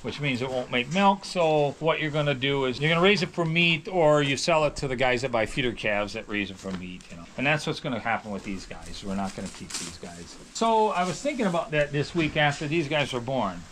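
Rambling middle-aged farmer, plain voice. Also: male voice, mid-range voice, lively intonation, a little fast, hardly any pauses, fairly bright tone, a little hiss or hum. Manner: rambling, with many restarts and hedges. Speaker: dairy farmer. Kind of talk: casual storytelling. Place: on a farm, near calves.

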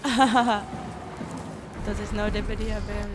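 A woman doing horror game commentary who talks in a nervous, frightened, halting way. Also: medium pitch, fairly even intonation, noisy background. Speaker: let's player.

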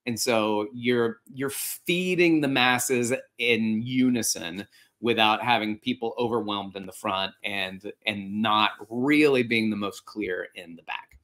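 Speaking slowly in a lowish voice, this forties-aged podcast host and fitness instructor gives casual practical tips through a video-call style setup. Seated in a home room with a couch and artwork, he gestures animatedly and frequently restarts his sentences.

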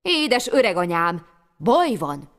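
A woman voicing an eager, worried young wandering lad in a folk tale, with excited, raised exclamations. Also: mid-range voice, lightly acted. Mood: eager, alarmed. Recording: long hall reverb.

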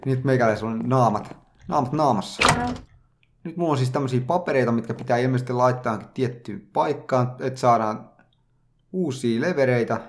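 A man's voice: medium pitch, slight background noise. A man giving casual, joking let's play commentary, reacting aloud to everything he finds in a game. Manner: chatty, joking, reacts aloud to what he sees. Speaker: gaming channel host.

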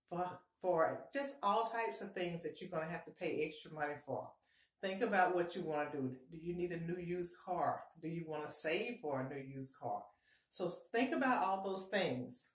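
This middle-aged woman's voice sits on the low side, animated and measured in pace. As a personal finance vlogger in a casual home video, she gives upbeat, encouraging budgeting advice to camera, often repeating key points. A fixed camera close up captures her in a small, echoey home bathroom.

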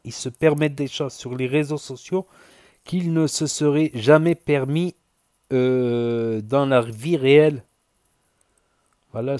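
Youtuber guy w a southern french accent, dark mellow voice, halting, keeps repeating himself. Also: medium pitch, dry recording, clean studio sound. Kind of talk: casual spoken commentary.

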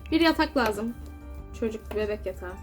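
Young woman gamer, high voice, chatty and exasperated, faint music behind. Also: expressive, normal speed. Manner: chatty, exasperated, scolding game characters. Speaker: gaming YouTuber. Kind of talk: casual gameplay commentary.

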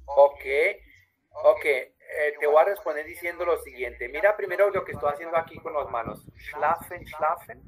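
A man teaches German in an online class over a video call, patiently drawing out each word slowly. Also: a little high, rough recording.

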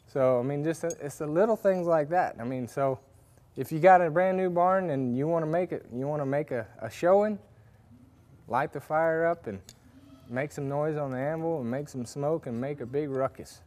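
This farrier instructor has a fairly high-pitched, slightly mellow voice and talks at normal speed. He gives a loose, rambling hands-on demonstration in a workshop with forges, stumbling through plenty of fillers and restarts.

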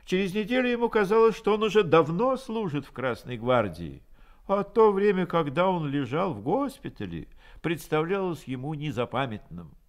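An actor playing the storyteller of a radio drama, reading literary narration solemnly. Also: male voice, on the high side, big pitch swings, normal speed. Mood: solemn, elevated.

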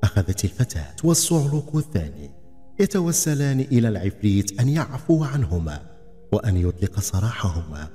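Male narrator of a folk tale, dramatic and lively, soft background music. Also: on the low side, brisk. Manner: dramatic, expressive. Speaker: storyteller. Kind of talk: scripted storytelling narration. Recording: long reverb, faint background music.

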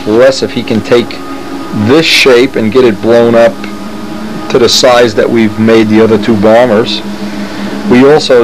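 Hobbyist man narrating his plans, excited and meandering, mid-pitched, with an air conditioner humming in the room. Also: noisy background. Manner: enthusiastic, rambling, thinking aloud. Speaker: model aircraft builder showing plans. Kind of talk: casual show-and-tell narration.

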